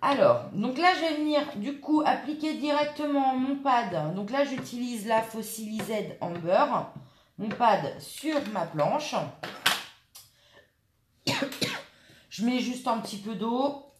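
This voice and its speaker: A woman's voice: fairly high pitch, expressive, slow pace, echoey room, a little hiss or hum. A woman hosting a scrapbooking tutorial, talking casually and hesitantly with many fillers while she works at her craft table. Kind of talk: casual step-by-step craft demonstration.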